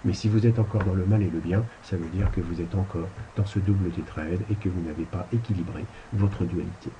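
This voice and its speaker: A man's voice: low-pitched, steady tone, a little fast, dull audio, background noise. A man giving a casual spiritual lecture over slides, rambling and colloquial, with crude asides. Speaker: spiritual teacher.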